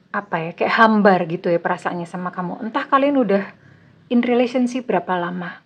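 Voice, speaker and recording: A woman giving a casual tarot reading to her viewers, talking in a chatty, teasing way with loose everyday slang. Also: mid-range voice. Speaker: tarot reader. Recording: slightly dull lo-fi sound.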